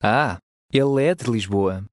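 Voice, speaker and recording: A man with a European Portuguese accent carefully and clearly repeats model phrases for a language course. His mid-range voice keeps a measured pace, and the recording is dry and studio quality.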